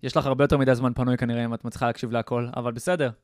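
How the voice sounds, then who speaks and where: A man's voice: mid-range voice, level tone, no room sound. Young guy bantering on a podcast, dry teasing, dead dry close mic. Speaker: podcast co-host. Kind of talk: casual banter.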